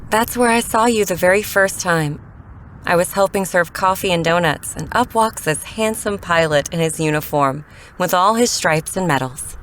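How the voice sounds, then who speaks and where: A woman's voice: on the low side, moderate pace, fairly bright tone, slight background noise, lightly acted, rough recording. An actress playing an earnest, lovelorn female scientist in a melodramatic 1950s sci-fi parody. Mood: wistful.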